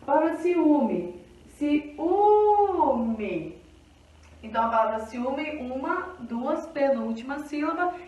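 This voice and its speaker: A woman's voice: sits high, moderate pace, few pauses, a little mellow, recorded from a distance, lo-fi sound. A woman teacher with a Brazilian Portuguese accent explains a grammar lesson, checking in with the class often. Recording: very echoey room, voice off-mic.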